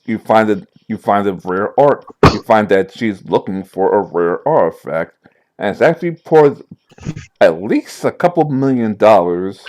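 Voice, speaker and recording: Lively man running a tabletop game. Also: fairly low pitch, slight background noise. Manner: lively, self-correcting narration. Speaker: game master.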